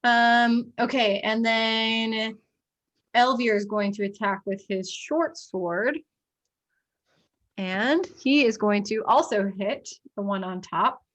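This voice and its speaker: Woman game master, casual and chatty, narrates tabletop combat in a relaxed, everyday voice. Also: a little high, slow, dull audio. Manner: casual, laughs often, swears.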